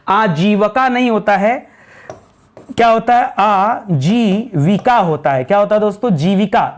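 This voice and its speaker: A man teaching Hindi spelling, who keeps asking his students what is correct, then answers himself. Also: high voice. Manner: repeats questions to students, calling them "friends"; clears throat now and then. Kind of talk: spelling lesson at a board.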